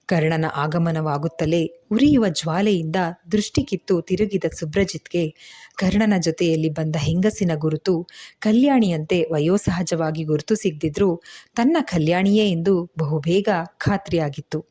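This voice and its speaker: A woman narrating a serialized novel as a storyteller, in steady literary style. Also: lowish voice, measured pace. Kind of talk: scripted audiobook narration.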